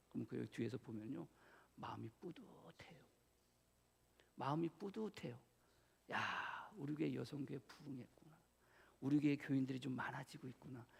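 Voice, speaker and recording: Animated male pastor with a gravelly voice. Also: a little high, in a large hall. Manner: animated storytelling, swings from loud exclaiming to hushed whispers; playful, self-mocking, asks the congregation questions. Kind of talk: sermon. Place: church sanctuary.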